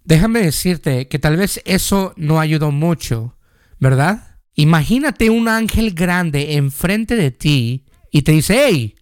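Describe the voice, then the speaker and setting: A man's voice: on the high side, lively intonation, takes it slowly, clean tone, no room sound, studio quality. A male pastor giving a conversational sermon, asking the listeners questions and telling personal stories.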